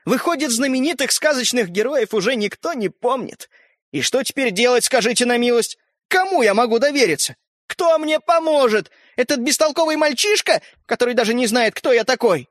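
A cheeky, boastful tiny toy boy, as a man reads him, speaking shrill and high. His voice leaps around indignantly and sounds dry and close. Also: expressive, no room sound. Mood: bitter. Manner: shrill, indignant, quick to bristle.

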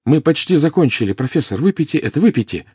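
A man's voice: a little high, sing-song, fast, slightly rough, no room sound, studio quality, voice pushed up, heavily acted. A man doing a desperate teenage boy wizard. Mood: desperate urging. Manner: urgent, pleading, shouting. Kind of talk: audiobook character voice.

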